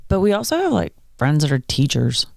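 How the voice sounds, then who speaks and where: A woman's voice: deep voice, fairly quick, gravelly, dry recording, studio quality. A woman in her forties co-hosting a parenting podcast in casual chat, telling stories with frequent laughs. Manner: lively, laughing storyteller. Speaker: podcast co-host.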